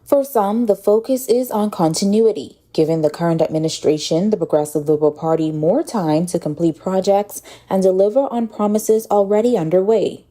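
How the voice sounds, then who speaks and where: A woman with a Bahamian accent narrating a news report in a measured, even way. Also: mid-range voice. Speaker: field reporter.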